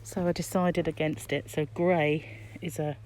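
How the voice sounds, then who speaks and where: Her voice sits low and a little slow, slightly mellow and with little pitch movement, muffled through a face mask. This British crochet vlogger muses aloud to herself in a shop aisle for a casual, chatty shopping vlog. She holds a phone behind the camera, and shop ambience and background noise come through.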